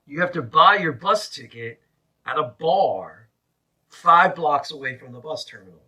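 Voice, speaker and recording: Male religious storyteller, higher-pitched and very sharp, animated delivery with dramatic pauses, slightly off-mic in an attic. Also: recorded from a distance. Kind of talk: personal storytelling to camera. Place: attic of his house.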